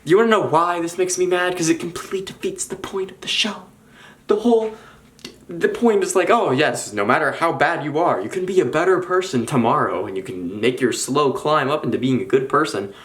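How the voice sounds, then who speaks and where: A young man in casual chat as a vlogger, talking in an animated, rambling way with quick restarts. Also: a little high. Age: young adult.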